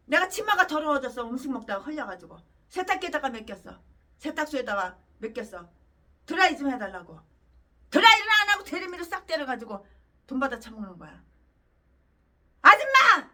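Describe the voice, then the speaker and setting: Woman pastor, fiery sermon, angry profane ranting, high voice, wildly swinging pitch, voice away from the mic. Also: sharp tone, distant mic.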